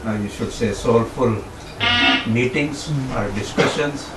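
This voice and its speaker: A man introducing himself at a group meeting, halting and searching for words. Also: medium pitch, loud music behind the voice. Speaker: discussion group member. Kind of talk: casual self-introduction. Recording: roomy, distant mic, background noise.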